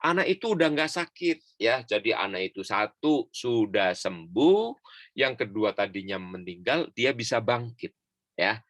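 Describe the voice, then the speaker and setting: A man's voice: on the low side, big pitch swings, unhurried, a bit bright, no room sound. A man, a pastor, telling a Bible story to children over a video call, acting out the voices and having the kids repeat lines after him.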